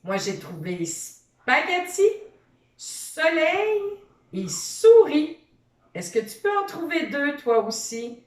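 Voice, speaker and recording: Slow, lively teacher voice in an echoey room. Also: female voice, a little high, recorded from a distance. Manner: slow, encouraging, sounds out letters. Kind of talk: children's reading lesson.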